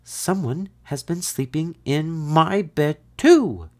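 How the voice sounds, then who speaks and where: A man's voice: fairly high pitch, animated, takes it slowly, darkish tone, voice pushed up. A man huffing as a fussy mama bear. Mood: huffy. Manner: growling, huffing. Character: fussy middle-sized mama polar bear. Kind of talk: storybook read-aloud.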